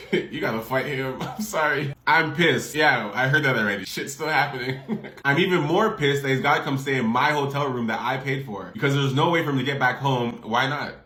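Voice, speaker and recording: A man's voice: sharp tone, echoey room, poor audio. A man co-hosting a podcast who reads dating stories aloud and reacts with profane, exasperated rants. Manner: profane, exasperated rants that leap upward in pitch. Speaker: podcast co-host reading stories.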